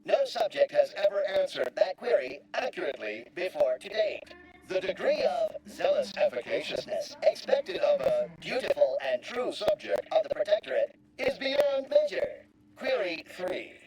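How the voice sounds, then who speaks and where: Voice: mid-range voice, sing-song, moderate pace, a crowd in the background, close to an everyday voice, poor audio. An actor voicing an officious, rigid bureaucratic machine in a video game, speaking in formal, stilted, wordy phrases. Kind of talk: scripted game dialogue.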